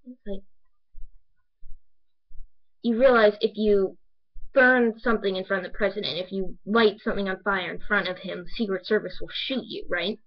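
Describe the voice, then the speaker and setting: A woman's voice: medium pitch, fairly even intonation, moderate pace, long pauses. A teenage girl telling a story in a sarcastic, exasperated casual vlog rant, on a slightly dull lo-fi recording. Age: teens. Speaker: high school student.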